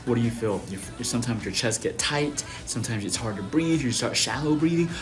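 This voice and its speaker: A Taiwanese acupuncturist talks to camera, giving casual, conversational health tips and often checking in with short tag questions. His medium-pitched voice is animated and fairly quick, heard over music.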